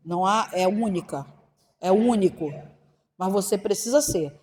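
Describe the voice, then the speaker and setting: A middle-aged woman pastor with a Brazilian accent, preaching a sermon with passion, swinging between loud and hushed and acting out prayers in her own voice. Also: a little high. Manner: acts out prayers in quoted first person. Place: church hall. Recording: long church-hall reverb.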